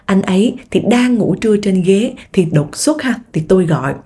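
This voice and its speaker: A young Vietnamese woman teaching English vocabulary in Vietnamese. She drills each word slowly and explains quickly. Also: mid-range voice, lively intonation, dark tone, slightly rough.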